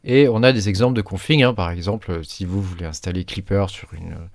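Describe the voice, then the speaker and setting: A man's voice: low-pitched, vocal fry, dry recording. A French-speaking man hosting his own channel, talking casually through a screen demo with lots of hesitations and restarts. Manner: halting, many fillers and restarts. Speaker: maker channel host.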